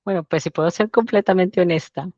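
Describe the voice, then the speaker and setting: A woman with a Colombian Spanish accent, a doctor guest in an interview, telling her story in a lively way with frequent restarts. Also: on the low side, a little fast, no room sound, dull audio. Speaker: guest, general practitioner. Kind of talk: casual interview chat.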